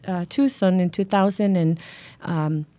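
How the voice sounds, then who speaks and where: A woman's voice: lowish voice, measured pace, warm tone. A middle-aged woman from Honduras, a guest in a radio interview, speaking earnestly and hesitantly with many fillers. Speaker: guest, foundation founder.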